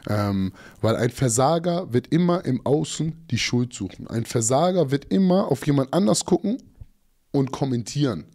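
A man speaks in a blunt, scornful way as a coach answering critics in casual talk. His voice is mellow and dark, at an ordinary middle pitch. He keeps tagging his points with a quick "you know?". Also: lively intonation.

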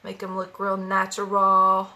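A woman's voice: medium pitch, monotone, a little slow, sharp tone, highs cut off. A woman from West Virginia with a country accent, chatting casually with viewers during a live makeup stream and greeting them by name. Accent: Appalachian country.

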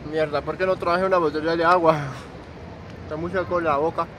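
A man's voice: fairly high pitch, fairly even intonation, brisk. A man vlogging a food challenge, talking through a full mouth with joking, self-mocking commentary. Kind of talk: casual vlog monologue. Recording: outdoor street with clear traffic noise.

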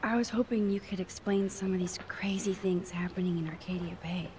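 A woman voicing a quiet, thoughtful teenage student in a video game, speaking softly and hesitantly. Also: fairly low pitch, fairly even intonation, brisk, close to an everyday voice. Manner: soft, hushed, hesitant. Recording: game audio under a livestream, with background noise.

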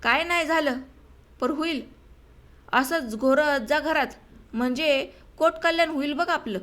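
A worried village farmer barks sharp, scolding words at his wife, voiced by a woman reading an audiobook. The voice sits high and carries a biting edge throughout. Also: measured pace. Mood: angry scolding.

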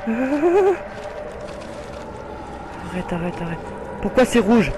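High-pitched panicking young gamer. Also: male voice, sing-song, slow pace, music in the background. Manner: screams and swears in panic, then mutters quietly. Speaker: gamer playing horror games. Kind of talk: horror game commentary.

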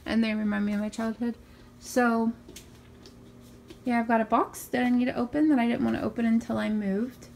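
Raspy from just waking up, a young female vlogger chats through a room tour of her small bedroom on a handheld phone camera, upbeat and full of ums and likes. Her voice is a little high, steady, brisk, and darkish in tone, with slight hiss or hum.

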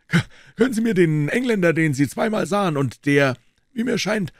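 A man voicing an old male doctor who speaks in a calm, persuasive, clinical way. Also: sits high, moderate pace, no echo, studio quality, pitched above the performer's own voice.

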